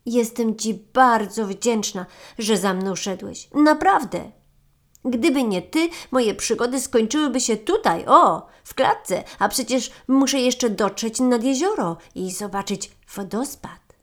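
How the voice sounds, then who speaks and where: An excitable little marmot girl from a storybook, as a woman reads her, her voice jumping up high with wonder. She speaks slowly and gushes with eagerness, loud and bright. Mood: excited, eager. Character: young female marmot, eager and dreamy.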